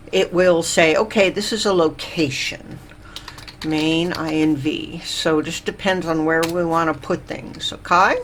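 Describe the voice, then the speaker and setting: Woman, game let's play host, slow drawl, a bit out of breath, faint background noise. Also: fairly low pitch. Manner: rambling, filler-heavy, thinks aloud. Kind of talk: slow, chill gameplay commentary.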